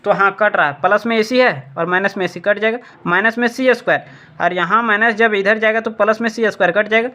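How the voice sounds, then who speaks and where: A man's voice: high-pitched, fast, pushed and bright. A male maths teacher from India explaining a board lesson step by step, asking himself questions and repeating the key points.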